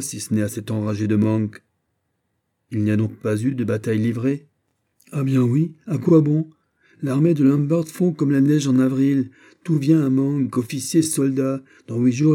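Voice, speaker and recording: A man's voice: mid-range voice, steady tone, moderate pace, warm tone, pitched above the performer's own voice, lightly acted. A man reading an audiobook, voicing a plain-spoken fisherman with a casual, offhand manner. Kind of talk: audiobook character voice.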